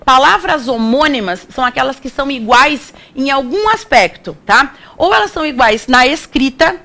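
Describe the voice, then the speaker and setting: A Brazilian woman with a high voice gives a grammar lesson in a playful, chatty way. She keeps asking the class questions and answering them herself. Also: animated, moderate pace, bright, forceful tone. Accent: Brazilian Portuguese. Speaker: grammar teacher. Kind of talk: exam-prep classroom lecture.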